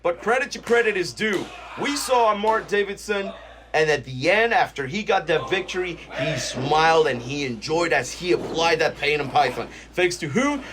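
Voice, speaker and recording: A man with a high voice calls wrestling as a lucha libre announcer. He is excitable and exclaims at the action. The recording has clear background noise. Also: moderate pace. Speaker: wrestling commentator and producer. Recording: noisy recording.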